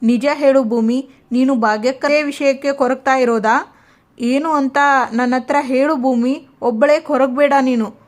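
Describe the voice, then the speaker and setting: A woman's voice: high-pitched, steady tone, moderate pace, close to an everyday voice. A woman voicing a coaxing, caring older friend. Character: caring older-sister friend, probing and protective.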